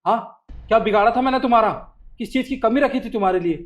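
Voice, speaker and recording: A man's voice: very high-pitched, fast. A man playing an outraged betrayed husband. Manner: accusing, indignant. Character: husband Nikhil, confronting a cheating wife. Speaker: actor in a short film. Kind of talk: melodramatic short-film acting.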